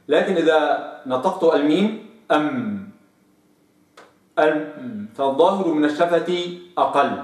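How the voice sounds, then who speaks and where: A man with an Egyptian accent teaching recitation, who explains each point and then drawls out sample sounds slowly in a lower voice. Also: recorded from a distance. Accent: Egyptian Arabic. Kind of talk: tajweed lesson. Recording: echoey room, voice off-mic.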